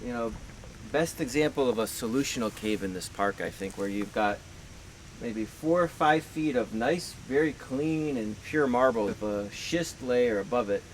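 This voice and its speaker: A man's voice: mid-range voice, lively intonation, normal speed, a little hiss or hum, low-quality recording. A man informally explaining rock and cave formation, like a guide.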